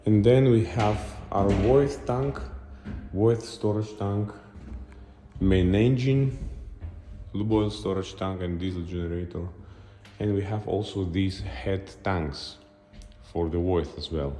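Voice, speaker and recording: A man narrating an unscripted video tour as a guide, halting and pausing between short phrases. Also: sits low, warm tone, roomy sound.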